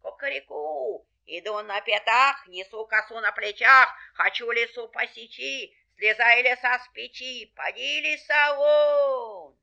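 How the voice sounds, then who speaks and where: A woman voicing a bold rooster who crows loudly and fearlessly announces himself. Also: on the high side, a little slow, gravelly, highs cut off, voice pushed up, heavily acted. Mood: bold crowing. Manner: loud crowing, proud and fearless. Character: bold, loud rooster hero with a scythe.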